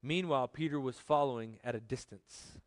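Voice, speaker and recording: A man preaching a sermon as pastor, animated, swinging from loud emphasis to quiet joking asides. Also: medium pitch, fairly quick, no room sound.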